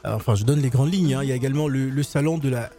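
A male interviewer with a warm, dark-toned voice puts measured questions to his guest. His pitch sits in the middle for a man. He speaks deliberately, pausing and restarting as he shapes each question. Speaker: radio interviewer. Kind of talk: radio interview.

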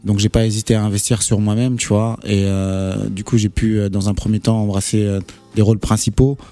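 Earnest low-voiced man actor. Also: flat delivery, mellow, faint music behind. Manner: earnest, halting with many restarts. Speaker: actor guest. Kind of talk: casual interview talk.

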